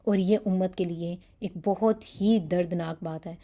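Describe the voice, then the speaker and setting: A woman's voice: on the low side, fairly even intonation, warm tone. A woman teaching a Quran lesson in Urdu with a Pakistani accent, speaking earnestly and with feeling, mixing in English words. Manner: earnest, pleading, acts out examples.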